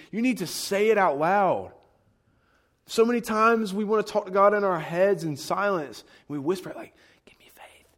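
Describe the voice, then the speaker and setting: A young man with a slightly higher voice shares a relaxed devotional teaching. His delivery is earnest and conversational, as though he is talking straight to one listener and encouraging them. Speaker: Bible teacher.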